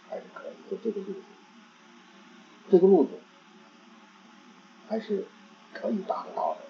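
Halting man giving a dharma talk. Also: a little high, a little hiss or hum. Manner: halting, repeats words while searching for phrasing. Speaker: Buddhist teacher. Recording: dull lo-fi recording.

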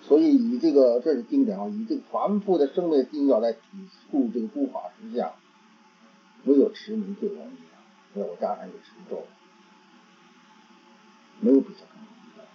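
A man giving a Buddhist dharma talk, halting and repeating words as he searches for phrasing. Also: mid-range voice, expressive, gravelly, slightly rough. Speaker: Buddhist teacher. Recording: dull lo-fi recording.

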